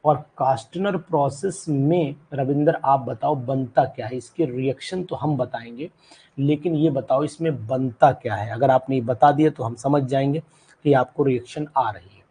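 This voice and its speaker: A male chemistry teacher with a husky, mellow voice runs a live online class. He keeps firing questions at students by name and repeats key terms so they stick. English technical words slip in among his explanations. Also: medium pitch, normal speed, rough recording.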